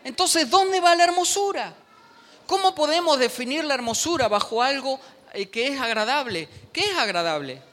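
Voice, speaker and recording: A man's voice: very high-pitched, moderate pace, a faint crowd. A man preaching a sermon in a church, joking and speaking straight to the congregation. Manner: animated, joking preacher addressing the congregation directly.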